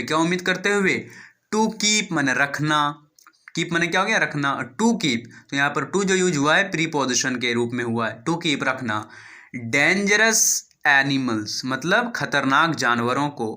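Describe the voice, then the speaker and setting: Indian guy teaching english line by line, spells words out, asks himself questions, really bright slightly high voice. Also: lively intonation. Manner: explains slowly, asks and answers his own questions. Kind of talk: line-by-line reading and translation lesson.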